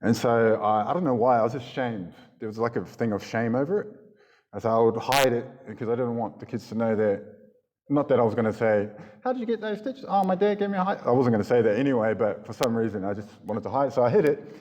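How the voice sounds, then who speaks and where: A man's voice: mid-range voice, fast, a little mellow, lo-fi sound. A man gives a casual, chuckling personal testimony to a church congregation. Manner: casual storytelling with frequent chuckles. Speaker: church speaker giving testimony. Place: church hall before an audience. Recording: long hall reverb in a church.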